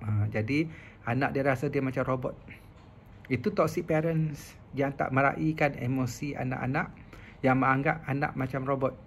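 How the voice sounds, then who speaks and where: A man's voice: medium pitch, moderate pace, slight background noise. A man, a professor talking casually about mental health and telling stories with frequent filler sounds. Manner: chatty, storytelling with filler sounds. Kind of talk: casual explanatory talk.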